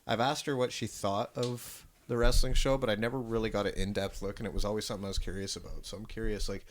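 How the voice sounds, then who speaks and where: A man's voice: on the low side, flat delivery, fast talker, slight background noise. A man co-hosting a casual podcast, rambling and swearing freely as he tells stories, with lots of restarts and fillers. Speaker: podcast co-host. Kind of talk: casual chat.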